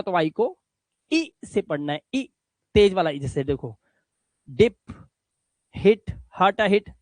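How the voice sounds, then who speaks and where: A man teaching English reading rules in a patient classroom style, sounding out example words slowly and repeating them. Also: high voice, dry recording.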